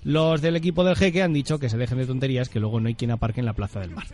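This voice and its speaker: A man's voice: medium pitch, darkish tone. A man reading a comic, scripted football preview with a sarcastic edge. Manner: rapid, sarcastic delivery. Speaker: football segment presenter.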